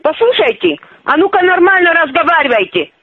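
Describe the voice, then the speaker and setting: A woman's voice: extremely high pitch, lively intonation, fairly quick, a little hiss or hum. A woman answering calls at work, stern and scolding toward the caller. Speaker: call recipient at a workplace. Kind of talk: phone conversation. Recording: tinny phone line.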